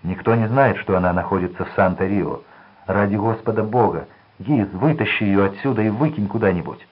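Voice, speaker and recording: A man voicing a desperate, terrified male crook who pleads and shouts in a trembling voice. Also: lowish voice, brisk, husky, dull audio. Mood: panicked pleading.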